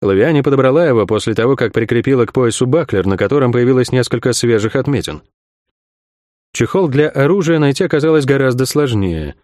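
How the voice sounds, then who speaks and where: A man narrating a fantasy audiobook in an expressive storytelling manner. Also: medium pitch, fairly quick, no echo, studio quality.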